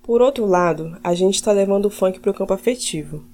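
A woman hosting a podcast delivers prepared remarks at a medium pitch. Her tone is warm and mellow, and her delivery is fluent and opinionated. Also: animated, brisk. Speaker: podcast host. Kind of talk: prepared commentary and question.

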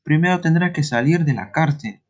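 A man voicing a weary, grumbling middle-aged father with a gruff, dismissive manner in a retold story. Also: on the high side, normal speed, close to an everyday voice.

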